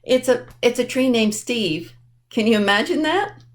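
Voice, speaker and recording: A woman hosting a children's library storytime reads a picture book aloud, explaining things simply and speaking directly to young listeners. Her voice is a little high and expressive, at normal speed.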